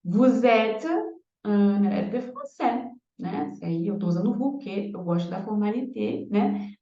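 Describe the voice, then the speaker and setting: A woman teaching a beginner French lesson, repeating each word slowly and clearly for her students. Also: medium pitch, dark tone. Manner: slow, repeats words for learners. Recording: roomy, dull lo-fi sound.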